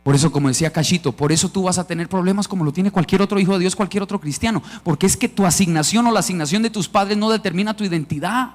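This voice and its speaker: A man's voice: high-pitched, quick pace, hardly any pauses. A man with a Colombian Spanish accent preaching a conference sermon, emphatic and calling on the audience to answer back. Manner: emphatic, calls for audience responses. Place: church conference stage.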